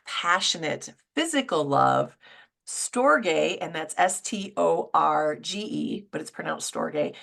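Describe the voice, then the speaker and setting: A woman's voice: fairly low pitch, creaky, a bit bright. A middle-aged woman hosting a casual faith and wellness talk show, chatty, with frequent fillers and restarts. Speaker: podcast host.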